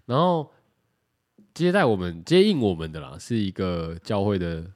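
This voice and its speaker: A man's voice: low voice, very animated, moderate pace, a little mellow. A man with a Taiwanese Mandarin accent, co-hosting a podcast and telling a story in casual chat, laughing often and swearing casually. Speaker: podcast co-host.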